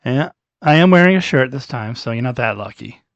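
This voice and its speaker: A man co-hosting a casual podcast, joking and rambling with restarts, a little hoarse. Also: mid-range voice, lively intonation, brisk, dry recording, highs cut off. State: clearing throat, losing his voice. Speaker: podcast co-host. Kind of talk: casual chat.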